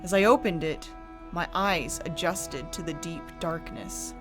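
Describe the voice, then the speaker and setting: Gothic horror storyteller played by a woman: earnest haunted brother, low haunting measured delivery, prominent music bed. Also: natural voice. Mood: hushed dread. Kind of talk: dramatic first-person horror story narration. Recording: music behind the voice.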